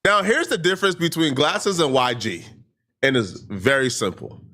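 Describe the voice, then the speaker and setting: Male commentary host, casual, lively swinging delivery. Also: mid-range voice, normal speed. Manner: animated, laughs easily, repeats for emphasis.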